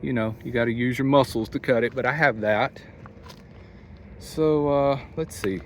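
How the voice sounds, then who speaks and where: Faint wind and highway noise sits behind a man talking outdoors. He has a medium-pitched voice and chats casually as he works through a do-it-yourself job. His manner is folksy, as if thinking out loud. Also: moderate pace. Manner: folksy, thinking aloud while working. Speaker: vlogger. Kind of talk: casual do-it-yourself vlog narration. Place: outdoors beside a van near a highway, windy. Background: wind and interstate traffic.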